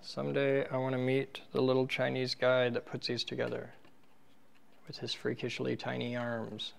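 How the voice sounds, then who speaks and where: A host of an equipment teardown show speaks in a medium-pitched voice at a moderate pace, casually demonstrating with his hands. He mutters to himself as he works and brightens into animation when speaking to viewers, keeping it all informal. Handling clicks and clear background noise fill the recording.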